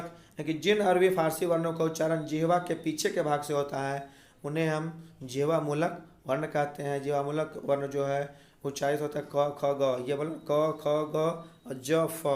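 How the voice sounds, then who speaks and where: A man's voice: a little high, level tone, moderate pace, a little mellow. Echoey man teaching a lesson. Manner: explains patiently, repeats sounds aloud, checks with "है ना?". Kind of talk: classroom grammar lesson. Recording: echoey room.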